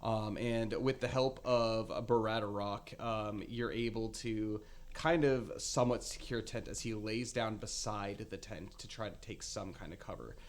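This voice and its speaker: A man narrating as game master of a tabletop game, halting with many fillers. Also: fairly low pitch, fairly even intonation.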